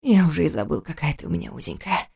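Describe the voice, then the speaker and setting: A woman reading an audiobook voices a young husband, keeping his lines low and hushed, close to her own voice. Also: sing-song, fast talker, creaky, husky, heavily acted. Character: young husband, eager then alarmed.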